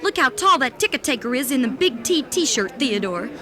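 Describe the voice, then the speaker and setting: A woman voicing a calm aunt in a children's radio play, gently correcting her nephew. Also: high voice, normal speed, full character voice. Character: patient grown-up aunt.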